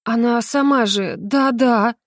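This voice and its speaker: A woman voicing a fussy, doting older mother who talks in a sugary, drawn-out way and scolds gently. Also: a little high, no room sound, clean studio sound, voice pushed up. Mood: wheedling. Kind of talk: audiobook character voice.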